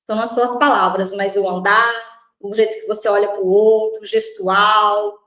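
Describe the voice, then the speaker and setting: A woman's voice: mid-range voice, flat delivery, bright, forceful tone, reverberant, poor audio. A woman from Brazil, a corporate trainer, explaining her ideas in list-like phrases often closed with "né". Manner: measured, list-like explanations, frequent "né". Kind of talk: interview answers.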